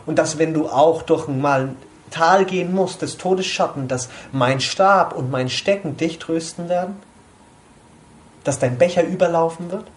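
Chatty German preacher with a higher voice. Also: male voice, normal speed. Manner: conversational, asks listeners often. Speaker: preacher at a small church group. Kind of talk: informal sermon.

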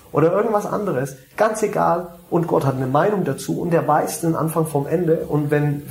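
A man's voice: a little high, gravelly, reverberant. A man preaching a sermon, talking to the congregation casually, asking them questions and dropping in English phrases.

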